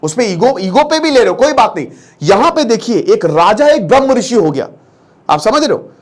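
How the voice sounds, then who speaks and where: Animated high-voiced male storyteller. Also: normal speed. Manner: animated, addresses listeners directly. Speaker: storyteller and teacher. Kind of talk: live retelling of a scripture story with lessons.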